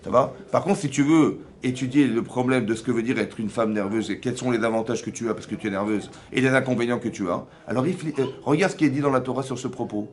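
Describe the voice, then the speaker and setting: A man, a rabbi giving a lively Torah lesson to a women's class, acting out imagined dialogues and often checking with his listeners. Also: mid-range voice, fast talker, few pauses. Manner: conversational, asks listeners for assent.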